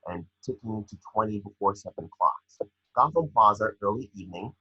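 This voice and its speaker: Reading screenplay narration for an online table read, this scene description reader has a low, raspy voice with a fairly bright tone and trips over his lines. His mic is a bit dull, and the room is echoey.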